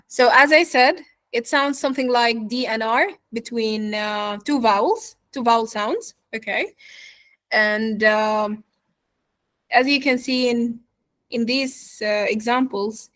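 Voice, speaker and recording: Slow, high-voiced woman coaching pronunciation. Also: a bit bright. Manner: checks in with "yeah?" and "okay?" after nearly every phrase; repeats model words slowly for students to echo. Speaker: accent coach. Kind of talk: live online pronunciation lesson.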